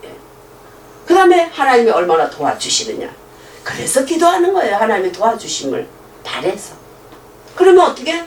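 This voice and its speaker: A woman's voice: a little high, normal speed, pauses often, a little hiss or hum. A middle-aged woman preaching a sermon, telling stories and acting out both sides of conversations, laughing often. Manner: animated, acts out dialogue in different voices, laughs often. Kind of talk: sermon with storytelling. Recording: echoey room picked up from a distance.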